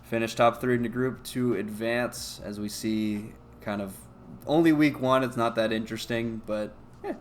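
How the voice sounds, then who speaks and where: A man's voice: medium pitch, fairly even intonation, moderate pace, slight background noise. A man co-hosting a gaming league recap, teasing his partner in a laid-back way. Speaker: league co-host. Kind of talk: casual recap commentary.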